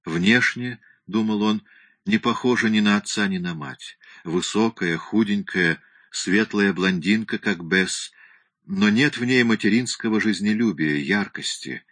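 Low, husky male audiobook narrator. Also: a little slow, fairly bright tone, dry recording. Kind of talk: scripted narration.

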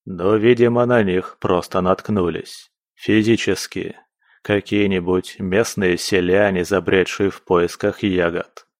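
A man playing an ancient spirit dwelling in a hero's mind, speaking low and even. It explains things in a calm, matter-of-fact tone, as in an audiobook. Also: a little slow, dry recording, clean studio sound. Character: ancient male system spirit inside a hero's head.

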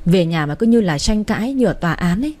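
A woman's voice: on the low side, animated, fast, darkish tone. A woman voicing a frustrated young husband who firmly defends his wife. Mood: exasperated. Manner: firm, exasperated.

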